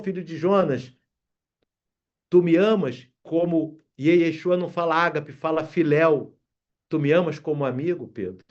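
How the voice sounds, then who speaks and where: Man, sermon, high voice, muffled lo-fi sound. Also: darkish tone. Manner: addresses congregation as brothers, reads scripture aloud. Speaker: preacher.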